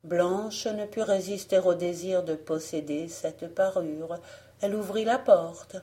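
A woman narrating a fairy tale audiobook. Her delivery is slow and deliberate, and her tone is dark and mellow. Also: on the low side. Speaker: audiobook reader.

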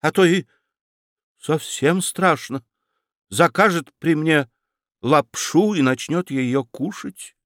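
A man voicing a lofty, dreamy young nobleman who speaks in high-flown, pleading exclamations. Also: takes it slowly, long pauses, no room sound, studio quality. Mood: indignant.

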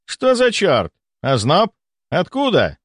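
A man's voice: sits high, wildly swooping pitch, takes it slowly, no echo, studio quality, voice pushed up, heavily acted. A man reading aloud, voicing an arrogant, flustered male doctor who snaps in outbursts. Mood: baffled.

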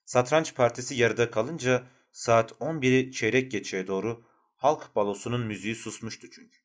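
A man narrating a literary novel as an audiobook, with a measured, even storytelling delivery. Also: medium pitch.

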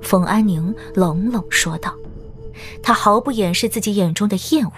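A woman's voice: medium pitch, moderate pace. Woman audiobook narrator, scripted storytelling, light music in the background.

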